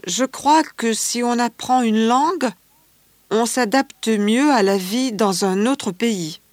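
A woman playing a cheerful teenage girl of Spanish parents living in France, speaking slowly and clearly for a language course. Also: fairly high pitch, darkish tone, dry recording, studio quality. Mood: upbeat. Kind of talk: scripted language-course recording.

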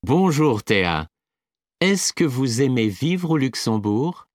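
Polite interviewer voiced by a man, slow, lively rising questions, dry close sound. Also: medium pitch, dry recording. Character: adult male interviewer, polite and curious. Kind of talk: scripted exam listening dialogue.

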